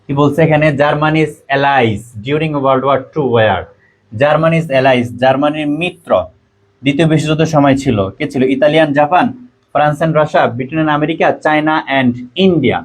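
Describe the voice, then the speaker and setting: A man's voice: fairly high pitch, normal speed. A man from Bangladesh tutoring a class online, repeating each quiz question and its answer options and reading out students' answers. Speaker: admission test tutor.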